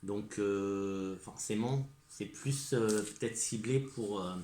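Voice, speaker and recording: A man's voice: on the low side, slow, warm tone, a little hiss or hum. Hesitant French man in an echoey room. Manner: hesitant, full of fillers and restarts; enthusiastic, repeats praise. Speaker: vlogger presenting gift ideas. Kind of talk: casual chat to camera.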